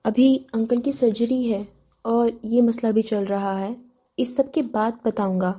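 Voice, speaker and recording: A woman voicing a calm young man who speaks softly about love, in a novel audiobook. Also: fairly high pitch, husky. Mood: calm tender. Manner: calm, soft-spoken lines.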